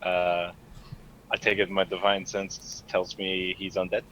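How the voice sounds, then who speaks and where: A man's voice: low voice, monotone, measured pace, fairly bright tone. A man playing a tabletop game, chatting casually about what his character does. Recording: dull lo-fi sound, faint noise.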